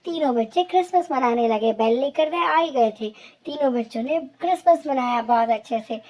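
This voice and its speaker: A woman's voice: high-pitched, normal speed, darkish tone. A woman narrating a children's cartoon story in a simple, plain storytelling manner.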